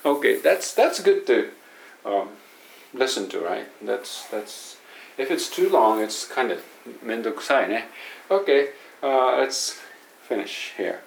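A man's voice: mid-range voice, animated, slow pace, creaky, a little hiss or hum. A man with a Kansai accent giving an informal pronunciation lesson, explaining by saying example phrases aloud. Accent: Kansai Japanese. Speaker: English pronunciation teacher. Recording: roomy and distant from the mic.

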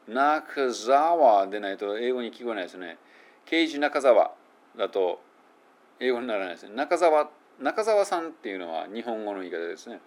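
A man with a Japanese accent and Japanese as his first language, giving a casual English pronunciation lesson. He reads English slowly, then explains in relaxed Japanese. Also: lowish voice, vocal fry.

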